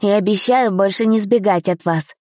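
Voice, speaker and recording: A woman's voice: mid-range voice, normal speed, darkish tone, no room sound, clean studio sound, natural voice. A woman voicing a playful, loving four-year-old boy prince in an audiobook, with a raised childlike voice. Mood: excited. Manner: raised childlike voice, eager and pleading. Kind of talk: audiobook character voice.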